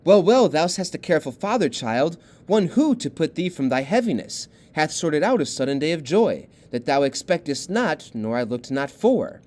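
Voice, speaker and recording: A stern noblewoman mother, cold and blunt toward her daughter, as a man reads her lines. The reading is plain, with a lively pitch. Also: moderate pace, few pauses. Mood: announcing. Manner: plain read-aloud of verse.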